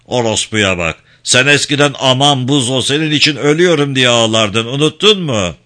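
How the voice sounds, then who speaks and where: A man reading a novel aloud, voicing a coarse older man who teases loudly. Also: mid-range voice, animated, normal speed. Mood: teasing. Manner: boisterous and teasing.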